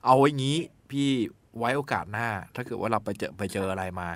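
A man's voice: mid-range voice, fast talker, dry recording. A man hosting a radio call-in show, chatting casually and politely with a caller. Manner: warm polite particles, frequent affirmations. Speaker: radio host.

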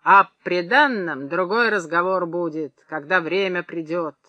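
A drunk, swaggering old gold-mine owner boasts loudly in a high, sharp voice, as a male reader puts him on. He sounds like a boastful audiobook character voice. The recording is close and dry, with no room around it. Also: a little slow, no echo.

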